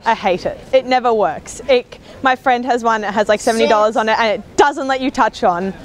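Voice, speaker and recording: A woman's voice: a little high, fairly quick, a little hiss or hum. A woman complaining bluntly and casually as a member of the public in a street interview. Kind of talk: casual street vox pop.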